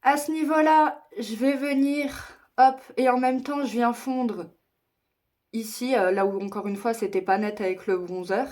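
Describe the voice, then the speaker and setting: A woman's voice: on the high side, measured pace, darkish tone. A young woman chatting her way through a makeup tutorial, explaining each step and joking at her own expense. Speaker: beauty vlogger.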